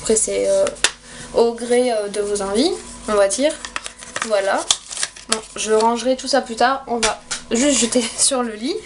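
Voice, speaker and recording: A young woman talks through her makeup haul at home in a casual, hesitant way, often stopping to restart her sentences. Her voice sits a little high, and a faint hiss runs under the recording. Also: steady tone, unhurried, pauses often. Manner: hesitant, many fillers and restarts. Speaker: beauty vlogger. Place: bedroom at home.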